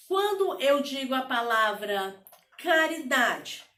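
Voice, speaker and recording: Slow, patient Brazilian teacher woman. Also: high voice, sing-song, bright, forceful tone, reverberant, distant mic, a little hiss or hum. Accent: Brazilian Portuguese. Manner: slow, patient, spells words out syllable by syllable. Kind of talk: children's lesson.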